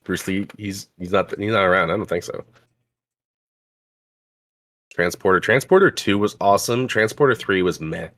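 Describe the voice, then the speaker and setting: A man's voice: low voice, a little fast, fairly bright tone, no room sound. A young man co-hosting a podcast in casual chat, rambling through lists and teasing playfully. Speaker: podcast co-host.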